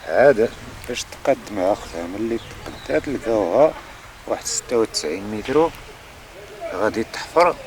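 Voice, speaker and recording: Low, fast-talking Moroccan man, explaining. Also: animated, noisy background. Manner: mixes French words into his talk. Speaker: local caving guide. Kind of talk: informal explaining to a visitor.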